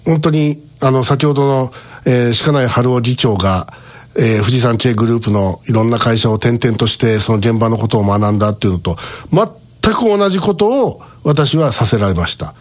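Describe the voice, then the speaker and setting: Middle-aged male radio host, lively storyteller, voice that rises and falls a lot. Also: medium pitch, moderate pace. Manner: animated, lively storyteller who chuckles between points. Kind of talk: casual storytelling monologue.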